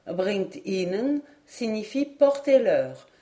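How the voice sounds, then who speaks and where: A woman's voice: medium pitch, sing-song, slow, dark tone, voice pushed up. Knowledgeable young captain, read by a woman. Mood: explaining.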